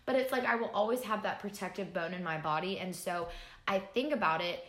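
Bright-voiced chatty woman in her twenties. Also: medium pitch, fairly quick, echoey room. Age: 20s. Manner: chatty, lots of "like", laughs easily. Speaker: podcast co-host. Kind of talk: casual chat over wine.

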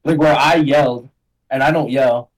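A man's voice: medium pitch, steady tone, normal speed, poor audio. A young man chatting casually as a podcast guest, rambling in slang and filling his talk with "like" and "bro". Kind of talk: casual chat.

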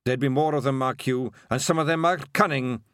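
A man's voice: medium pitch, fairly quick, fairly bright tone, clear, resonant tone, no room sound, studio quality, close to an everyday voice. A man voicing a boastful little male pixie chieftain with a Scottish accent. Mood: gruff.

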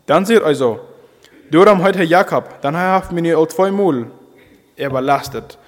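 Halting preacher man in a reverberant hall. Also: on the high side, expressive. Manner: halting, repeats and restarts phrases. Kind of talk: sermon.

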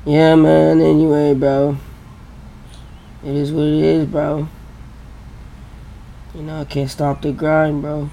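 Gravelly, mellow young frat-bro guy. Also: on the high side, monotone, slow, long pauses, slight background noise. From Brazil, South America. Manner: frat-bro talk, heavy swearing, "bro" and "you know" tags. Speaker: podcast host. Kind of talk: casual slangy podcast chat.

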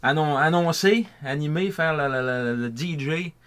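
A man's voice: fairly high pitch, measured pace, a bit bright, clear, resonant tone. A man with a Quebec French accent talking casually as a podcast co-host. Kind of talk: casual chat.

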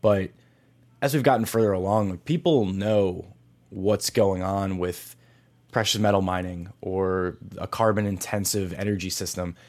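A podcast host with a deep, darkish voice speaks at a measured pace. He introduces interviews and chats with his guests in a conversational, enthusiastic manner.

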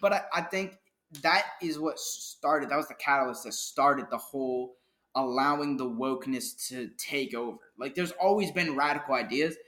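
A young man co-hosting a casual opinion chat, emphatic and quick to agree, often restarting his sentences. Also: mid-range voice, a bit bright. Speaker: podcast co-host. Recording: echoey room.

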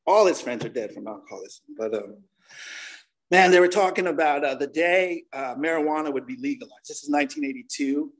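A man in his forties from Connecticut, with an American accent and a fairly high-pitched voice, speaks a little fast while sharing a candid, slangy, conversational testimony at a recovery meeting. The audio is poor.

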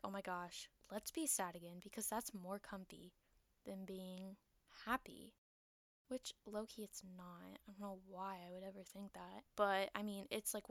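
Talking alone on her podcast, this young host rambles through a casual monologue full of fillers and jokes at her own expense. Her mid-range voice carries vocal fry and sounds slightly shaky and nervous, with no room sound in the recording.

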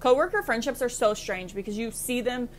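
A young woman co-hosting a casual podcast, animated and teasing, laughing often. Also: fairly high pitch, fairly quick, slight background noise. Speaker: podcast co-host. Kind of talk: casual chat. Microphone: built-in mic, before her new one arrives.

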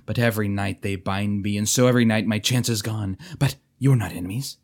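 A man's voice: mid-range voice, a little slow, a little mellow, pitched above the performer's own voice, close to an everyday voice. A man reading aloud, voicing a tormented young knight who begs to be freed, his pleading rising toward shrieks.

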